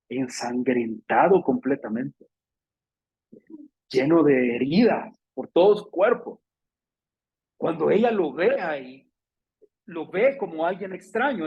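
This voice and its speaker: In a church, a male pastor with a Salvadoran Spanish accent preaches a fervent, emotional sermon. He animatedly acts out scripture quotes with sudden high-pitched exclamations, his voice slightly rough and the audio dull.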